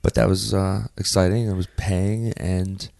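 A man's voice: low-pitched, measured pace, gravelly, no echo, studio quality. A man in his thirties, a performer and guest, telling stories in a casual interview with lots of fillers and restarts. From United States. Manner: animated, many fillers and restarts.

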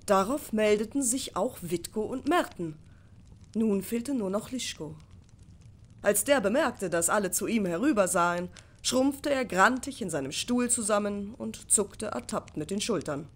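A woman narrating a story chapter in an audiobook, with expressive storytelling. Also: mid-range voice, a little slow. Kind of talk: scripted narration.

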